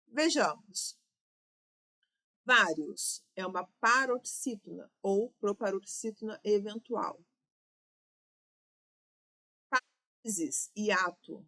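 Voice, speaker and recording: A woman's voice: mid-range voice, very slow, long pauses, pushed and bright. A woman with a Brazilian Portuguese accent, teaching an exam-prep grammar lesson, explaining step by step and checking in with "ok?" and "né?".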